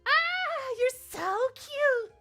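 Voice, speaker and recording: A woman voicing a gushing, excitable young anime girl in a cutesy voice as she reads game dialogue. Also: extremely high pitch, drawn-out words, soft background music, pitched above the performer's own voice, full character voice. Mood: smitten. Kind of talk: video game dialogue read aloud by a streamer.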